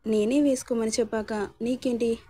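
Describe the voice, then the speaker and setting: A woman's voice: a little high, steady tone, normal speed, mellow, natural voice. A woman voicing a playful young husband in a read-aloud story, speaking in a bantering, bossy yet affectionate way. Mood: teasing.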